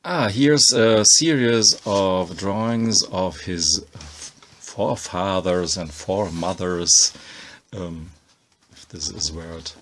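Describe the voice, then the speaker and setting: A man talking casually as he pages through an art book, halting often with ums and uhs while he thinks aloud. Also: low voice, fairly bright tone, slight background noise. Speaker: comics book reviewer. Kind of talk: casual spoken book walkthrough.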